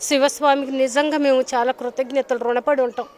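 A tearful woman pours out a devotional testimony in a high, quick voice. Her words tumble out fervent and pleading, each point pressed home with emphasis. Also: little pitch movement, a little mellow. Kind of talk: emotional testimonial to a reporter. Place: temple grounds.

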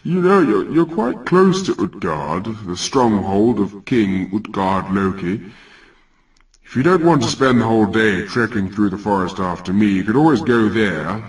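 A huge, drowsy giant , as the storyteller puts him on, talks in a lazy, patronizing drawl. The voice sits low and swings widely in pitch. It sounds set back from the mic, as if heard from a little way off. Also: male voice, lively intonation, a little slow, distant mic, low-quality recording. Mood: condescending. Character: huge drowsy male giant, offhand and condescending. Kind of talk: storytelling character voice.

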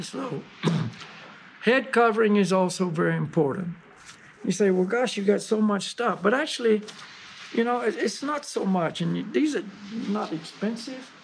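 A man's voice: sits high, gravelly, a little hiss or hum. A man hosting a mountain gear show, casually demonstrating clothing in a folksy, emphatic way with lots of fillers. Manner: folksy, emphatic, with many "you know" fillers.

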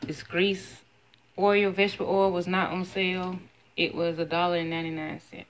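This is a rough phone recording of a woman in her thirties, indoors in her home kitchen, chatting casually as she shows groceries and lists their prices one by one. Her pitch is fairly low and her delivery flat, at a normal speed. She's a vlogger with the camera held close.

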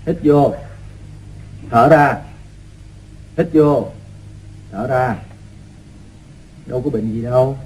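An actor playing a kindly, reassuring village doctor in an old-style radio drama, familiar and gently chiding, with a Southern Vietnamese accent. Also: male voice, mid-range voice, slow, pauses often, a little hiss or hum, natural voice, poor audio. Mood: chiding, examining. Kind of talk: radio drama acting in the manner of an old radio show.

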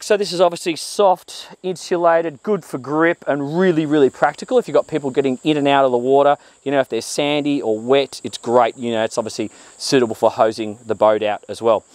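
A man's voice: mid-range voice, darkish tone, no room sound. A man in his thirties with an Australian accent, giving a chatty, enthusiastic walkthrough of a boat outdoors on a lapel mic, with fillers and restarts. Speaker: boat reviewer. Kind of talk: walkthrough presentation. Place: outdoors on a boat on a calm waterway.

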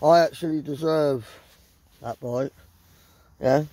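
Filming himself on a close-held phone in a small tent in the woods at night, a middle-aged southern English vlogger rambles bluntly and swears freely. He speaks slowly in a slightly high, warm voice with fairly even intonation, recorded dry.

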